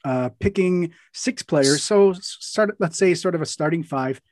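A man's voice: fairly high pitch, a little slow, darkish tone, dry recording, clean studio sound. A man hosting a podcast, talking casually with lots of fillers and restarts. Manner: rambling, many fillers and restarts. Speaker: podcast host.

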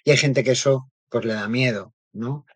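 A man's voice: medium pitch, moderate pace, husky, no echo. A man, a therapist being interviewed, explaining ideas thoughtfully and often checking in with little tag questions. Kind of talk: reflective interview talk.

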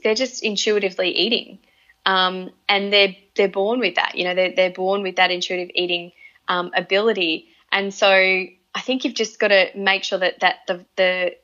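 A woman's voice: mid-range voice, bright, forceful tone. Australian woman repeating words, slightly dull audio. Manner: often repeats words and restarts phrases as she thinks aloud. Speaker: interview guest, parent. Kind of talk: relaxed conversational interview.

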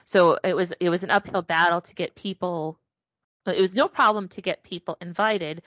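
A woman's voice: on the low side, steady tone, moderate pace, a bit bright, dry recording, highs cut off. A woman guest in a casual interview, chatty and full of ums and restarts, speaking over a call. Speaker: podcast guest, packaging professional.

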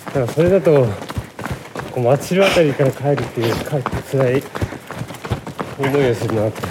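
A man's voice: mid-range voice, animated, a little fast. A man talking politely and casually to a companion while out running. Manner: polite, deferential speech. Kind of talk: casual chat. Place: outdoors on a road. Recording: outdoor recording with clear movement and traffic noise.

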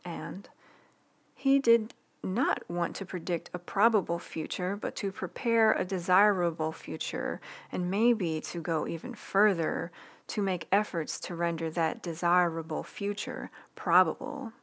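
In an ASMR-style read-along, a woman with a rather low voice reads her own newsletter aloud, soft, slow and intimate. The close recording in a quiet room picks up her breathing and faint lip sounds.

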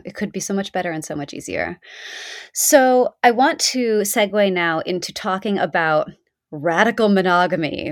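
Low-voiced woman podcast host with vocal fry. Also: no echo, clean studio sound. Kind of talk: conversational podcast interviewing.

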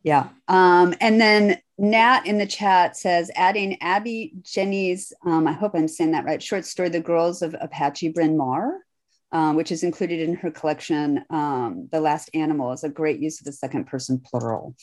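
Woman hosting a relaxed online panel. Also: low voice, moderate pace. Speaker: host. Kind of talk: casual online panel chat.

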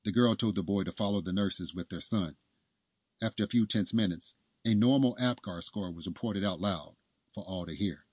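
A man hosting and narrating a scripted story in a measured storytelling manner. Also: deep voice, a little mellow, slightly rough, no echo. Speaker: host and narrator.

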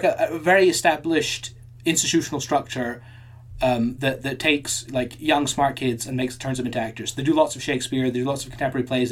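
A man co-hosting a podcast in casual chat, thinking aloud with frequent restarts and repeated words. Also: mid-range voice. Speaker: podcast co-host.

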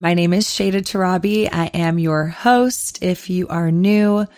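Low-voiced woman hosting a podcast. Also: measured pace, a little mellow, no room sound, clean studio sound. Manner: upbeat, enthusiastic, talks with emphasis. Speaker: podcast host.

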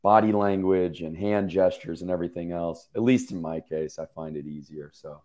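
A man with a hoarse, gravelly voice after a late night, talking in a relaxed, unhurried way as a guest in a casual podcast conversation. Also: low voice. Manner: relaxed, unhurried riffing with fillers. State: hoarse from smoking and tiredness.

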